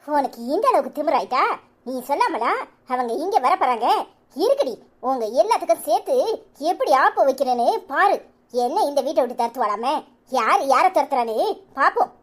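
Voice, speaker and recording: A quarrelsome young wife from a cartoon serial, voiced by a woman. She scolds and threatens in a Kanyakumari Tamil accent, her voice pitched extremely high and thin. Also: animated, a little fast. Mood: scheming. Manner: scolding, combative. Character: sharp-tongued young wife fighting her co-daughter-in-law.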